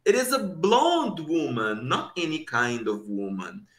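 A young man giving an academic conference talk over a video call, slow and deliberate, posing rhetorical questions. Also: fairly high pitch, very animated. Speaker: conference presenter. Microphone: webcam on video call. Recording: echoey room.

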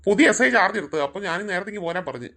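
A woman's voice: medium pitch, sing-song, very fast, a bit bright. A woman voicing a cartoon father, a policeman who panics easily. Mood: puzzled. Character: grown man, father, a policeman, easily scared. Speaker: cartoon character.

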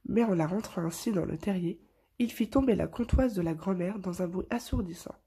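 A woman reading a picture book aloud to children in a soft, hushed storytelling voice. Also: lowish voice, fairly quick, slightly rough.

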